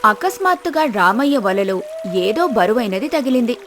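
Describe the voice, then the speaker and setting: A woman narrating a cartoon story in a steady storytelling manner. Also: on the high side, normal speed, faint music behind.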